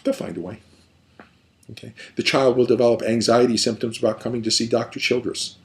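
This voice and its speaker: A man working as a therapist who explains family dynamics in a conversational, animated way and sometimes acts out the people he describes. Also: medium pitch, fairly quick. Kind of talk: explanatory talk.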